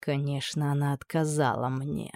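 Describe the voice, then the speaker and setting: Brief: woman reading as sinister male judge, slow, hushed, dry close sound. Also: flat delivery, no room sound. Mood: menacing, purring. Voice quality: low, purring, insinuating. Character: menacing scheming middle-aged male high judge.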